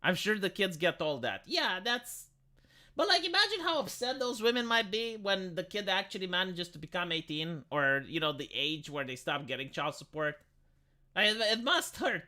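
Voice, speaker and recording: Sharp in tone and high-pitched, this man speaks at a moderate pace with lively intonation, his sound tinny and metallic. He streams live, giving casual opinions as he answers comments, arguing back bluntly and cursing.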